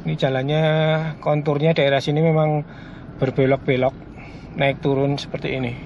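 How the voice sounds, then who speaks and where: A man's voice: mid-range voice, little pitch movement, normal speed, a little mellow. A man giving casual commentary while driving a car, chatting to his viewers as he goes. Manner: chatty, keeps addressing viewers as colleagues. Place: inside a moving car. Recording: slightly muffled, faint road noise.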